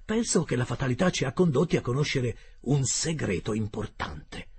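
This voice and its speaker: A man voicing a courteous, precise young male servant who speaks in a measured way. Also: medium pitch, lively intonation, a little mellow, slightly rough. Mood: polite.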